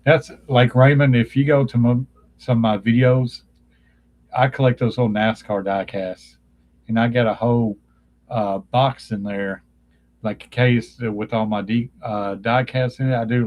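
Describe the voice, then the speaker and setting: This man, streaming live from his childhood bedroom, rambles nostalgically at a medium, steady pitch and a slightly slow pace, with the highs cut off in the audio. He often breaks off mid-sentence to find a name, and his voice is getting dry from the long session.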